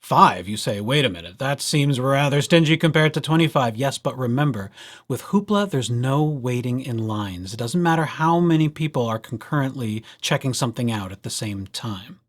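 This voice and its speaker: A man presents a casual, scripted library tutorial, joking and playful as he speaks straight to viewers and acts out little imagined exchanges. His medium-pitched voice is expressive and moves at a moderate pace.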